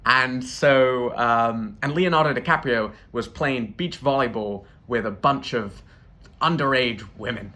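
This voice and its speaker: A British man hosting a comedy show and telling rambling stories with deadpan asides. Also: mid-range voice, unhurried. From Britain. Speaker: comedian host. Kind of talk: stand-up storytelling.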